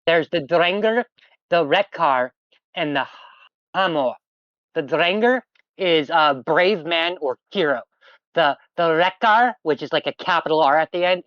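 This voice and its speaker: On a tabletop game stream, a game master with a mid-range voice rambles casually through a player's options, chatty, explanatory and full of fillers. The recording is dry with no room sound, and the highs are cut off.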